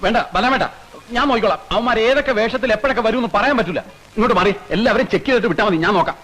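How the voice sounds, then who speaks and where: An actor playing a quick-witted young man in a comedy film, talking rapidly and persuasively. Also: very high-pitched, fairly bright tone, rough recording. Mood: businesslike. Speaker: film character in a comedy scene. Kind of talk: film dialogue.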